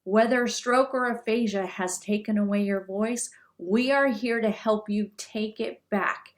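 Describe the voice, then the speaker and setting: A woman in her fifties, a speech-language pathologist, talking in a slow, deliberate and emphatic way over a video call. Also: mid-range voice. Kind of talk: encouraging talk on stroke recovery.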